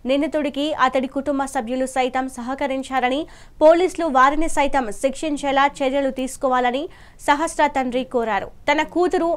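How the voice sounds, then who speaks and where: A woman news reporter reading a scripted voice-over in a formal, even manner. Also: high-pitched, fairly quick.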